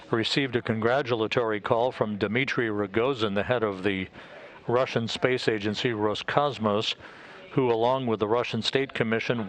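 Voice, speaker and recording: A man with an American accent giving measured, formal live commentary on a spaceflight as a mission control announcer. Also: mid-range voice, fairly bright tone.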